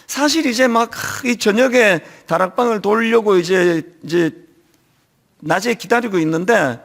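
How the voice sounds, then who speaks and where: A middle-aged man preaching a sermon as senior pastor, telling stories in an animated way with a touch of a lingering cold. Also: high voice, measured pace, gravelly. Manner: animated storytelling, acting out quoted voices. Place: church.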